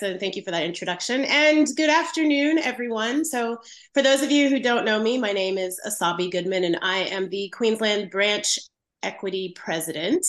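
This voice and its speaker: A woman's voice: medium pitch, fairly bright tone. A woman interviewer talking in a casual, conversational way as she introduces and questions a guest. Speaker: interviewer, branch president of a performers' union.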